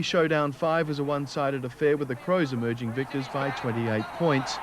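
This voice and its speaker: A man's voice: medium pitch, noisy background. A man with an Australian accent hosting a sports show, reading scripted sports news.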